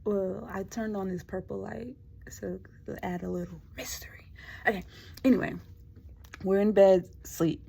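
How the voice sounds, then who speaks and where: A woman host telling a true ghost story in casual chat, sometimes dropping to a hush for the spooky parts, in her dark bedroom at night. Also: medium pitch, steady tone, moderate pace, gravelly, breathy edge.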